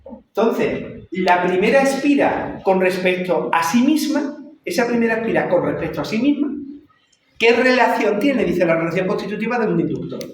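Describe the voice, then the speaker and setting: Guy lecturing a class, kinda high voice, really echoey room, mic way off. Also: expressive, normal speed, recorded from a distance, slight background noise. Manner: repeats and checks understanding with "¿vale?". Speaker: university lecturer.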